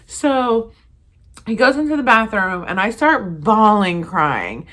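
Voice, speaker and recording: A young woman vlogger tells a personal story straight to camera in a loose, chatty way. Her pitch sits in an ordinary middle range, and she keeps slipping in fillers and little acted-out quotes. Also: sing-song, slow pace, bright, forceful tone.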